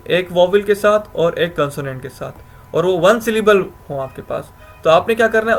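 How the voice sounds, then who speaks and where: Male grammar teacher, slightly high-pitched, talks through rules with frequent self-corrections. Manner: explains step by step, asks himself questions, self-corrects with "sorry". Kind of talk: recorded video lecture.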